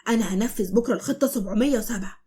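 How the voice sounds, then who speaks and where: A woman's voice: a little high, racing, dark tone, close to an everyday voice. A woman voicing a bold, mischievous teenage girl in an Egyptian cartoon story. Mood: defiant. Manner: defiant.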